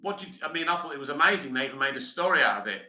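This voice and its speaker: A man's voice: on the high side, lively intonation, very fast, sharp tone, roomy sound, poor audio. A middle-aged man from England, hosting a casual livestream, reading viewer comments aloud and answering them bluntly. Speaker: livestream host reading chat.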